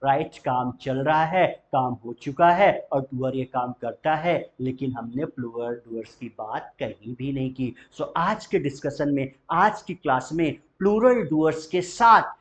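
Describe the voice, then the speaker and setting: A man's voice: medium pitch, measured pace, few pauses. A man teaching a spoken English lesson, drawing out model sentences and quizzing the listener with repeated questions.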